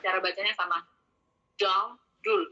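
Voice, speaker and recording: A young woman runs a relaxed vocabulary lesson and goes slowly and patiently, repeating each word over and over. Her voice is very bright and a little husky. The recording sounds dull and lo-fi. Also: medium pitch. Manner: slow and patient, repeats each English word several times. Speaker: English vocabulary teacher.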